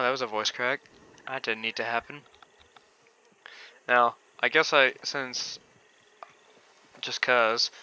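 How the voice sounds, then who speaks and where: A man chats through his gameplay in a casual, meandering way, pausing on fillers and swearing offhandedly. His voice is sharp and bright with a smooth, clean tone. The recording sounds dull and lo-fi. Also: mid-range voice. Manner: rambling, hesitant, with casual swearing. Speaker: game streamer.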